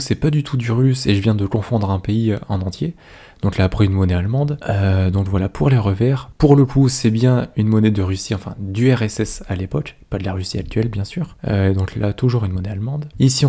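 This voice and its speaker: Low, mellow-voiced man. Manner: hesitant, many fillers, thinks aloud. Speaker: coin collecting video host. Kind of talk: casual commentary over coin photos.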